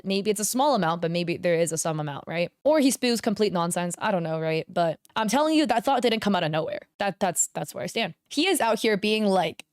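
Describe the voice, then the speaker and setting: A young woman streamer giving casual, blunt commentary, swearing freely and working through the math out loud. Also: medium pitch, no room sound, studio quality.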